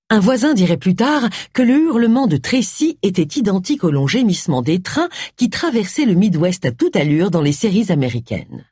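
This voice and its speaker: A woman reading a novel aloud as an audiobook narrator, with expressive storytelling. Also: fairly low pitch, husky, dry recording, studio quality. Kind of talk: scripted narration.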